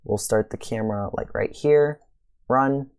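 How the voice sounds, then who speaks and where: A man with a middle-pitched voice records a coding tutorial from his desk, explaining each step in a relaxed, conversational way. His voice sounds a little worn, as though he is starting to lose it. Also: a little slow, clear, resonant tone. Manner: casual, relaxed walkthrough with fillers and pleased exclamations. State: slightly losing his voice. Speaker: tutorial host.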